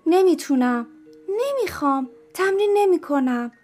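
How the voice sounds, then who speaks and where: A woman voicing a stubborn little girl in a storybook, who chants her loud, defiant refusals. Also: medium pitch, fairly even intonation, breathy edge, faint music behind, lightly acted.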